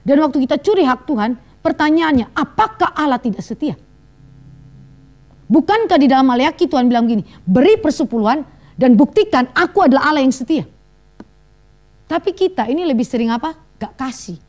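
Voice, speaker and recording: A woman preacher, giving a sermon full of stories, lively asides and laughter. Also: high-pitched, a little fast.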